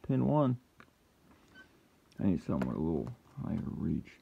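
A man's voice: low-pitched, very animated, moderate pace, vocal fry, dull audio, a little hiss or hum. A man hosting his own hobby channel, talking casually and half to himself as he works through a task step by step, with an occasional frustrated outburst. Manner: muttering to himself while working, with sudden frustrated yells. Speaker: lockpicking hobbyist channel host. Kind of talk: casual hands-on commentary.

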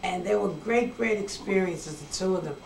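Her voice sits on the low side, with vocal fry and a slightly mellow quality, as this older grandmother talks at a normal speed in an earnest, sentimental, rambling way. Her son interviews her for a family home video on an old VHS tape. An echoey, distant camcorder mic picks up music behind her plus a little hiss or hum.

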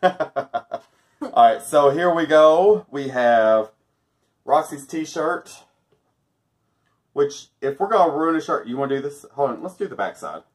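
In a small room with stars on the backdrop, a man in his thirties casually reviews a laundry product, often joking and chuckling. His fairly high voice is expressive and a little slow, with frequent pauses, and the sound comes from a camera mic.

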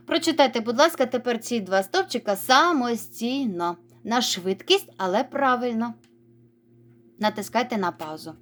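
A woman teacher giving a recorded reading lesson to young children, praising them and slowly drawing out words as she models reading. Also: fairly high pitch, animated, a bit bright. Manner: encouraging, sing-song, stretches words slowly when modelling reading. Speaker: primary school teacher.

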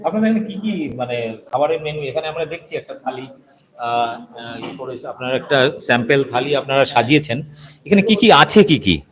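A man's voice: mid-range voice, expressive, a little fast, a crowd in the background, low-quality recording. A middle-aged man doing a walking video report, hesitant and full of fillers, showing viewers around a small restaurant. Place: outside and inside a small restaurant.

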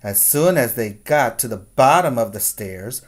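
Reading a picture book to small children, a man in his forties takes it slowly, deliberate and expressive, like a teacher making sure the class keeps up and checking in with them. His voice is mid-range. A webcam at arm's length records him in a small, plain room indoors.

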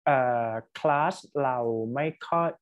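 A man teaching at a university, giving casual spoken feedback to a student over an online class and dropping English words into his talk. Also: lo-fi sound. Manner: quick, chatty, mixes English words into speech. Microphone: online class call.

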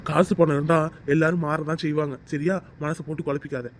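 A man voicing a gentle village father in a cartoon, talking softly and patiently as he comforts his daughter. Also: high voice, expressive, moderate pace, slight background noise. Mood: tender. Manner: soft, consoling, patient. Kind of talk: cartoon voice acting.

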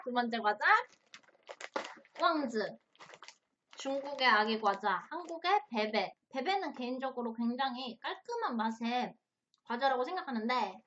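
A woman with a fairly high voice gives a casual snack review, chatting while she tastes and crunches chips. She talks as a mukbang host would, eating between remarks. The recording is a little dull, with noticeable noise behind her. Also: sharp tone.

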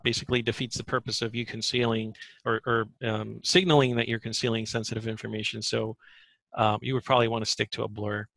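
Guy doing a live software demo on a webinar, bright dry voice, kinda thinking out loud. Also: fairly low pitch, level tone, fast, creaky, no echo, rough recording. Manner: thinks aloud while demonstrating. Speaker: software trainer. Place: indoor webinar, screen share.

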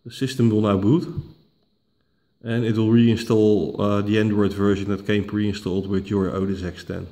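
This non-native English speaker, likely Dutch by first language, hosts a tech tutorial that resets a tablet one screen at a time. His lowish, dark voice barely moves in pitch, and he takes his time, stumbling over "uh" fillers and fixing his own words. It was captured indoors in his home dining room on a camera microphone.

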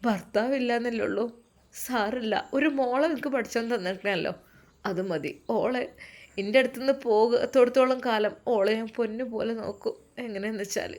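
A woman voicing a gentle, downtrodden young woman who pleads softly in a storybook tale. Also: a little high, brisk, lightly acted. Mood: sorrowful pleading. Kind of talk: storytelling voice acting.

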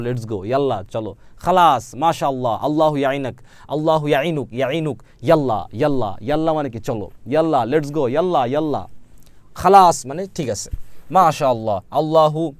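A man's voice: medium pitch, dry recording. A man teaching Arabic to Bengali speakers, repeating each phrase several times and then explaining it in Bengali with a Bangladeshi accent. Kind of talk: language lesson with drilled repetition.

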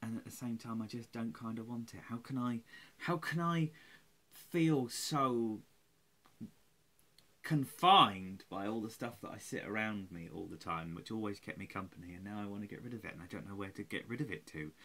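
His voice is lowish, bright and forceful, delivered at a moderate pace. The speaker, a tired man around forty, rambles, curses and mocks himself while vlogging on a close webcam in a small room at home.

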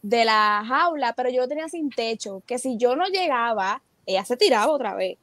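Young woman guest on a chatty interview, high-pitched voice, acts out her own lines, dry sound. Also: normal speed, dry recording. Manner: animated, acts out her own quoted thoughts. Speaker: interview guest, teacher and entrepreneur. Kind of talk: casual interview storytelling.

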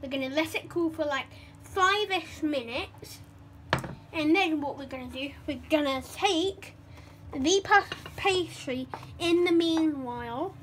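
A woman's voice: high-pitched, a little slow, fairly bright tone, a little hiss or hum. A young woman chatting through a casual cooking vlog at home, rambling and correcting herself as she goes. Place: home kitchen.

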